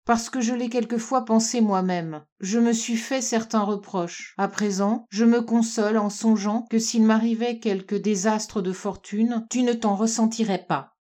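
A woman's voice: on the high side, steady tone, unhurried, hardly any pauses, mellow, close to an everyday voice. A woman narrator voicing a middle-aged male painter, a tender and reassuring father who hides his money troubles.

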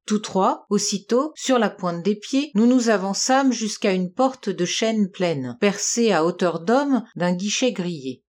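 A woman reading aloud, narrating a classic detective story at a measured, steady pace. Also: medium pitch. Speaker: audiobook reader.

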